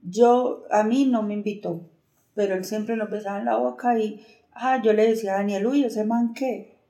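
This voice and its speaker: A woman's voice: medium pitch, fairly even intonation, normal speed, vocal fry, dark tone. A woman, a mother giving emotional testimony and retelling events by acting out the dialogue. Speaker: mother interviewed about her son. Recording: roomy echo.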